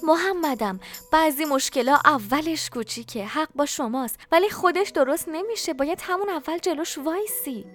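A woman voicing a warm, firm, teasing mother. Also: sits high, expressive, faint music behind, pitched above the performer's own voice. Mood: tender, firm. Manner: tender yet firm, teasing. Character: loving, playful, firm mother. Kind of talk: audiobook character voice.

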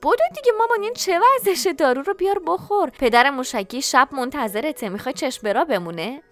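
A loving mother, voiced by a woman narrator, tender but firm, with a gently teasing edge. Her high voice rises and falls expressively. Soft music hums faintly behind the storybook reading. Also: animated, natural voice. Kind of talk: audiobook character voice.

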